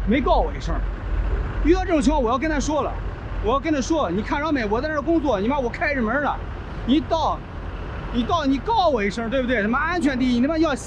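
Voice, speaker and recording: Blunt high-voiced trucker man outdoors. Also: noisy background. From China. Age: middle-aged. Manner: blunt, swears freely, teaches step by step. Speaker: trucker vlogger. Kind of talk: casual how-to commentary while repairing. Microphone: body-worn action camera.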